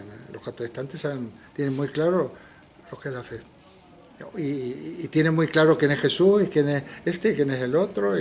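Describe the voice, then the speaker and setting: A man's voice: a little high, slight background noise. An older man giving an informal philosophy seminar lecture, asking the audience rhetorical questions and dropping frequent tag questions. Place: lecture room in a community center.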